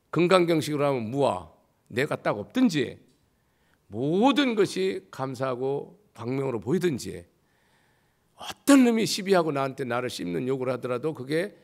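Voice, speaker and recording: With a slightly hoarse voice pitched on the high side, a man who is a Buddhist monk preaches a sermon. He drives home each point through rhetorical questions and shifts abruptly from loud to quiet.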